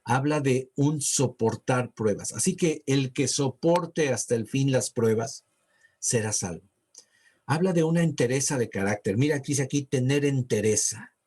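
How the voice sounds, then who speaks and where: Male pastor, husky mid-range voice, casual conversational sermon delivery. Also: mid-range voice, a little mellow. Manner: conversational preaching, slows to read verses. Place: church.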